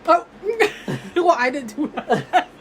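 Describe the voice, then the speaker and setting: A woman's voice: high-pitched, big pitch swings, slow pace. A woman in her early twenties co-hosting a podcast in casual chat. She talks animatedly, laughs often and acts out her past self in quoted asides. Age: early 20s. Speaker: podcast co-host. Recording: noisy background hiss.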